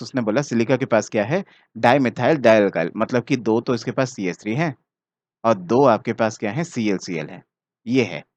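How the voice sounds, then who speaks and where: Recorded dry and slightly dull, without any room sound, this mid-range male voice carries an Indian accent as he solves chemistry exam problems one step at a time. He blends in English terms, addresses the student directly and keeps checking in with "ठीक है ना."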